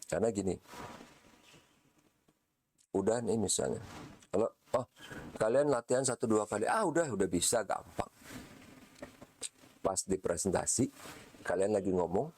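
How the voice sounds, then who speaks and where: A male lecturer talks casually through an online class, loose and conversational, dropping in English words now and then. His voice sits low and dark, with a faint hiss of noise behind it. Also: moderate pace, long pauses. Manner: relaxed, chatty, mixing in English words. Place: home setting, online class.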